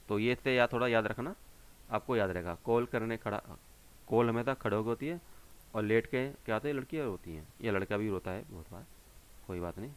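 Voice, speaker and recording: Patient man teaching computer basics. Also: medium pitch. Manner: patient, repetitive, asks and answers his own questions. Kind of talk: screen-recorded tutorial explanation.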